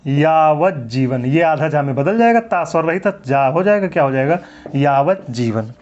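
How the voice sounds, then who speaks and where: A man teaching a Hindi grammar lesson, his voice a bit higher than most. He keeps asking a question and then answering it himself, drawing out the words as he repeats them. The recording sounds dull and lo-fi. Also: lively intonation, a little mellow. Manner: drawn-out repetition of words. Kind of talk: classroom lecture.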